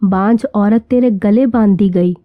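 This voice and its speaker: A woman's voice: medium pitch, unhurried, no room sound, lightly acted. A woman voicing a strict, traditional older mother-in-law who talks in a scolding, insistent way. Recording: tinny phone-like sound, faint music.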